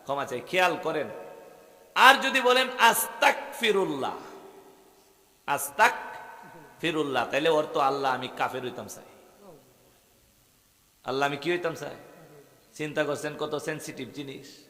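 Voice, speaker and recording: A man's voice: mid-range voice, fairly even intonation, normal speed, long pauses, a bit bright. A man with a Bangladeshi accent preaching a waz sermon to a gathering, rhythmic and rousing, calling questions out to the crowd. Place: religious gathering. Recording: echoey open-air mahfil with long reverb.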